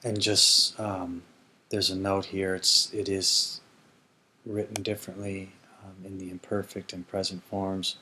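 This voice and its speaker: A man's voice: sits low, flat delivery, measured pace, sharp tone. A man teaching ancient Greek grammar, speaking carefully and repeating words to model their pronunciation, with frequent ums and restarts. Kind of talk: explanatory grammar lesson.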